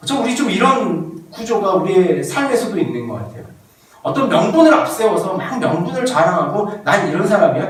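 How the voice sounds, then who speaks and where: Male pastor, high and lively delivery, sermon, distant mic, very reverberant church hall. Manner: animated, playful storytelling with quoted voices. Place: church sanctuary.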